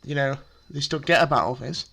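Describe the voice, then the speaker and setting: A man's voice: medium pitch, brisk, creaky, pushed and bright. A man casually walking through a card game deck, chatty and full of fillers, explaining step by step. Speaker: deck profile presenter.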